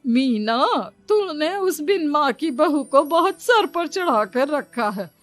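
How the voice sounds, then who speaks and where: A woman's voice: high voice, animated, slow pace, faint music behind. A woman playing a meddling, judgmental middle-aged neighbour in a cartoon moral story. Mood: disapproving.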